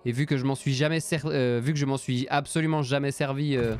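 A man's voice: medium pitch, steady tone, brisk, darkish tone. Chatty streamer man. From Belgium. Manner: chatty, thinking aloud, thanking viewers. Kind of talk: casual live game commentary.

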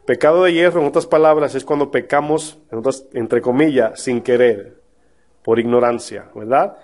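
In front of a live audience, a male pastor teaches Bible study at a moderate pace in a medium-pitched voice. He keeps it relaxed and conversational, regularly posing questions to his listeners.

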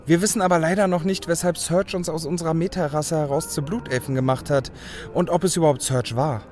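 In a German audio drama, an actor voices a cynical, proud young hacker who is turning into an elf, sounding brooding, self-assured, earnest and visionary. His voice is a little high, steady and darkish, delivered fairly quickly with light acting.

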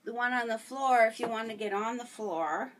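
This middle-aged woman, a fitness vlogger, speaks at a normal speed in a slightly high voice while demonstrating a home workout. She chats, encourages, laughs mid-exercise and runs out of breath, recorded from a distance with a little hiss or hum.

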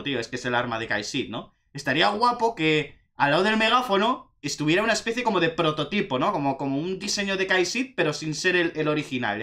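Young man, Spain Spanish accent, excitable trailer reaction, animated pitch, bright tone. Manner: excitable, chatty, says "tío" often. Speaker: gaming youtuber reacting to a trailer.

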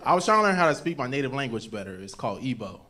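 Racing along with big swings in pitch, an American stand-up comedian of medium pitch and sharp tone tells stories into a handheld mic on an indoor club stage. It's a noisy live recording from the club, played back.

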